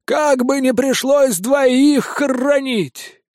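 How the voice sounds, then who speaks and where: A panicky pirate parrot, squawking in high, stretched-out cries. The voice sits far above a normal speaking voice and drags each word out slowly. It yells in alarm and sounds dry and close up, like a storybook reading. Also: male voice, no echo.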